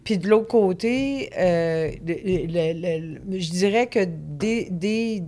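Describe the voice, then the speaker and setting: A woman's voice: on the low side, slow, mellow. A woman in her forties with a Quebec French accent, a business owner chatting as a guest in an interview, often restarting her sentences. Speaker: guest entrepreneur. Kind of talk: casual interview.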